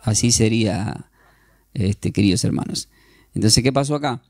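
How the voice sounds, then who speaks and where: A man teaching an informal Bible class, animated and jokey, acting out scenes and often restarting. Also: on the low side, normal speed, creaky, dry recording, studio quality.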